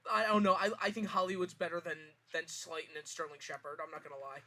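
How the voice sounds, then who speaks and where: A man's voice: on the high side, fast talker, pushed and bright. Male guest, jokey contrarian, theatrical build-ups. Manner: playful, mock-dramatic hype. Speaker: podcast guest. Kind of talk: casual sports chat.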